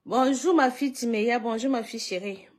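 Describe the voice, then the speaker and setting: A woman's voice: fairly high pitch, a little fast. A woman hosting a casual live stream, greeting viewers one by one, repeating herself and laughing often between lines.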